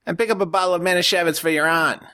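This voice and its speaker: A man's voice: sits high, steady tone, rapid-fire, bright, forceful tone, clean tone, no room sound, clean studio sound, pitched above the performer's own voice. Scolding older mob mama, raised and bossy, voiced by a man.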